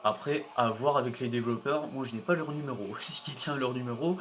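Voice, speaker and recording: A man's voice: medium pitch, brisk, fairly bright tone, slight background noise. A man giving casual, hesitant commentary while playing a racing game, often restarting his sentences and chuckling. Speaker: gaming video host.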